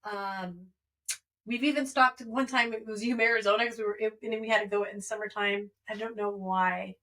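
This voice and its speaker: A woman's voice: mid-range voice, steady tone, moderate pace, pushed and bright, recorded from a distance. Blunt woman, a bit off-mic. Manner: blunt and profane. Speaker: podcast co-host. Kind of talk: casual chat.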